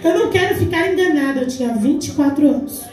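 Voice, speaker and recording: A deaconess from Brazil, in her forties, speaks quickly with a high, slightly mellow voice and lively intonation, emphatically sharing her testimony at a church women's congress and acting out its dialogue. Brazilian Portuguese accent; recorded from a distance in a large, echoey hall with faint music.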